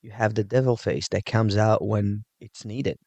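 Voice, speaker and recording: Deep-voiced man from Morocco, chatty. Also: normal speed, creaky, no echo, lo-fi sound. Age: 30s. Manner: animated, laughing, fills with "like" and "you know". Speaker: judo instructor, podcast guest. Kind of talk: casual storytelling chat.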